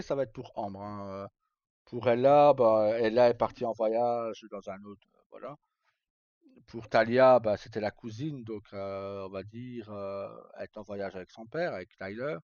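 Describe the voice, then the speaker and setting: This streamer has a lowish, slightly mellow voice and talks a little slowly, chatting casually with his live audience. His speech is colloquial, rambling, and hesitant, with some swearing, and it is recorded on a dull lo-fi mic in an echoey room.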